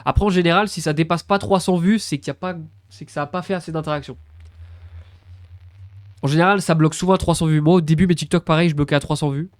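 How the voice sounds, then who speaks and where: This clip has a dry, studio-quality sound: a young man with a congested nose streams a game and chats casually. His high-leaning voice is steady and quick, though he's hesitant, repeats words and swears mildly.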